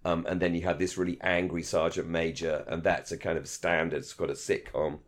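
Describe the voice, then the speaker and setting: Speaking a little fast in a low, flat voice, a middle-aged man co-hosts a laid-back podcast talking over a radio drama. He meanders as he thinks out loud, hesitating and restarting his sentences often.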